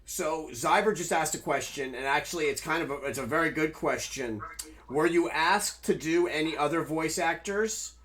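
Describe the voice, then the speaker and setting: A man's voice: fairly high pitch, moderate pace, a bit bright, low-quality recording. A man hosting a stream interview, casually reading out viewer questions. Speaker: stream host.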